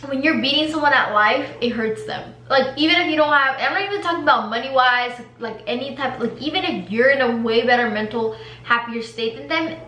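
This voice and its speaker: A woman's voice: high voice, brisk, hardly any pauses, bright, forceful tone. A teenage girl vlogging to camera in a casual, slangy mukbang chat, full of "like". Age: teens. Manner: chatty, slangy, heavy use of "like". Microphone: camera mic. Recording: roomy echo, faint background hum.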